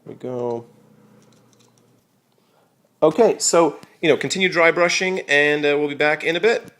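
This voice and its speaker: A man's voice: on the high side, unhurried. A young man giving a casual hobby painting tutorial, talking loosely with lots of "uh" and "you know". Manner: relaxed, many fillers like uh and you know. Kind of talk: casual how-to demonstration.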